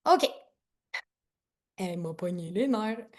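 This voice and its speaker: A woman with a Quebec French accent and a medium-pitched voice, a network marketing team leader, gives an online training talk over a laptop video call. She speaks slowly yet sounds excited and rambling, laughing often.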